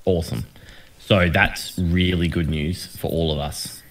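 A young man with a very deep voice keeps his friends going in gaming chat with mock-serious questions. His delivery stays deadpan and dry. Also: unhurried. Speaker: gamer in voice chat. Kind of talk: casual gaming banter.

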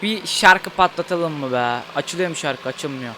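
Bright-voiced young man playing a game. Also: a little high, a little hiss or hum. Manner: chatty, quickly frustrated, swears at the game. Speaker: gaming YouTuber. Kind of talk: casual Let's Play commentary.

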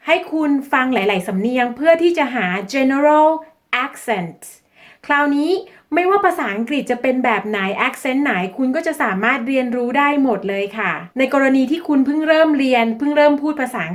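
A Thai-speaking woman teaching English-learning tips in a lesson, switching into carefully spoken English example sentences. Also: high voice. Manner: slow, careful delivery with deliberate English examples.

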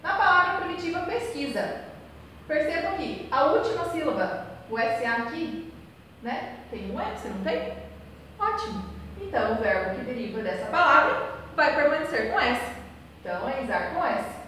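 High-voiced woman teacher in an echoey hall. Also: sing-song, normal speed, a bit bright. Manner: asks rhetorical questions and answers them; spells out letters and repeats key points. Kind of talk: recorded remote class lesson. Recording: echoey hall, voice far from mic, faint noise.

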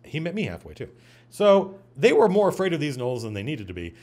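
A man hosting a casual stream about running tabletop games, talking in an animated, digressive way with frequent restarts. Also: on the high side, fairly quick. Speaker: host and game master. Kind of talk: casual livestream talk on game mastering.

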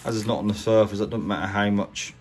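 Here an English-accented boat restorer talks fast in a fairly low voice while presenting a how-to. The hands-on tutorial is chatty, colloquial, casual and plain-spoken, recorded handheld in a workshop with clear background noise.

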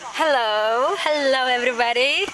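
A woman's voice: sits high, a little slow, heavy background noise. A woman in her twenties from Lithuania chats casually and in a laid-back way with a Lithuanian accent, outdoors on a handheld camera. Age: 20s. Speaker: interview guest. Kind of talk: casual chat. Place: outdoors by a resort pool. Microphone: handheld camera at arm's length. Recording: loud music behind on outdoor camera. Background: loud music.

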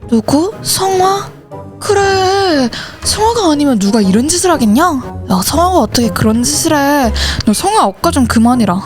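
A woman's voice: sits high, big pitch swings, normal speed, music in the background. A woman voicing every teenage schoolgirl character in a school horror story, switching between them in dialogue. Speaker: channel host and voice actor.

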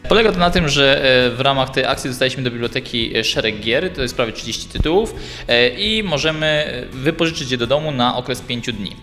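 A man giving an informal, halting interview explanation as a library representative, often repeating words. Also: medium pitch, lively intonation, sharp tone. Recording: long reverberant hall, music behind.

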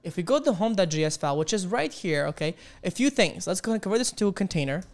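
Fast and expressive, a young coding instructor from Ukraine chats with his livestream viewers as he types. He's upbeat and exclamatory, constantly saying "boom" and "beautiful." He broadcasts from a small home studio through a studio mic on an arm, wearing headphones.

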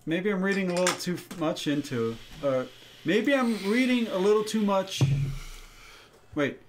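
Male let's play host, narrates game text evenly, slightly high. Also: animated, normal speed, background noise. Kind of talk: reading game text aloud.

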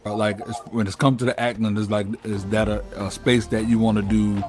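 A man in his late 30s hosts a casual interview from an indoor room at home over a video call, using wired earphones with music in the background. He is informal and slangy and repeats phrases, speaking briskly with a fairly low, darkish, flat voice.

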